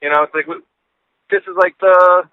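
A man in his late twenties, talking through his cell phone on speakerphone as a podcast co-host in casual, rambling chat with halting restarts and casual swearing. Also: high voice, steady tone, clear, resonant tone, no echo, narrow, tinny audio. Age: late 20s. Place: in a car.

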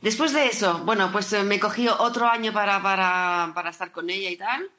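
Female podcast guest, non-native, bright forceful voice, halting word searches, slightly dull recording. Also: mid-range voice. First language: not Spanish. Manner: hesitant, searching for words in Spanish. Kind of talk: casual conversational interview.

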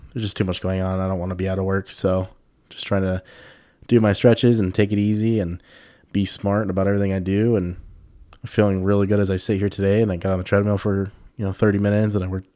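A young man hosts a casual solo podcast in a low, slightly congested voice, his tone mellow and dark. He rambles loosely and candidly, swearing and filling gaps with plenty of "you know"s and "um"s. The recording is dry and close, with no room sound.

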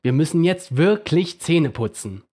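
A man's voice: fairly high pitch, expressive, a little slow, dark tone, husky, pitched above the performer's own voice. A man voicing an impatient young boy in a children's storybook reading. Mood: pleading. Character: young boy getting ready for bed, impatient.

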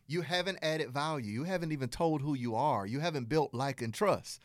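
A man with a Southern accent hosting a solo business podcast, teaching in an energetic, playful way and acting out little dialogues. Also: on the high side, moderate pace, dry recording. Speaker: podcast host.

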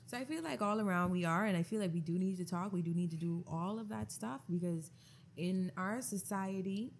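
A man's voice: sits high, brisk, creaky, a little hiss or hum. A man, a podcast guest, speaking thoughtfully and hesitantly in a casual discussion. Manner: thoughtful, hesitant, filler-heavy.

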